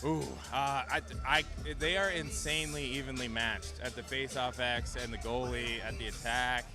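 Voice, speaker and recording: A man's voice: medium pitch, fairly even intonation, moderate pace. A man of thirty, a pro player guest, chatting casually and laughing through his stories outdoors. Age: 30s. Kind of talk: casual interview chat. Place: outdoor street event. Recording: music playing loud behind. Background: loud music.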